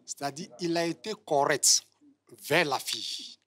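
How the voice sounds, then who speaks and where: A man speaking from a studio audience, slow and earnest. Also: fairly high pitch, fairly bright tone. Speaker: audience member. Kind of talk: audience comment in a debate.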